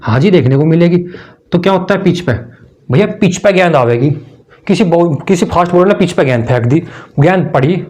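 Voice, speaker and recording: A high-pitched male tutor, teaching exam memory tricks. He fires off questions and answers them himself, repeating the key words in a chummy, conversational way. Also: expressive, a little fast, a little mellow.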